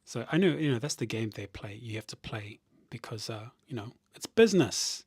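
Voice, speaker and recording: A man chatting casually on a live stream, thinking out loud and reading viewer comments aloud, with frequent restarts. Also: lowish voice, a little fast, husky, no echo, clean studio sound.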